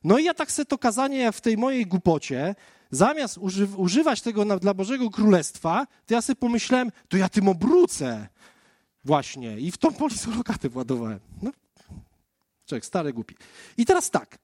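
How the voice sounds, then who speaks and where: In a clean, echo-free studio recording, a man with a high-sitting, sing-song voice and a darkish tone preaches at a moderate pace. His conversational sermon tells his own testimony as a story, speaking directly to listeners.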